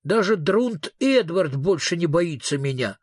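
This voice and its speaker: A man voicing a gloomy, theatrical ghost with a wailing, drawn-out delivery in an audiobook reading. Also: on the high side, very animated, husky, no echo, studio quality, pitched above the performer's own voice, full character voice.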